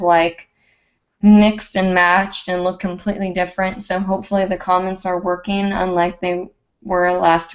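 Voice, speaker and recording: A woman's voice: mid-range voice, lo-fi sound. A woman hosting a live hooping show, chatting casually and a bit out of breath, rambling with lots of fillers. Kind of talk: casual live-stream chat.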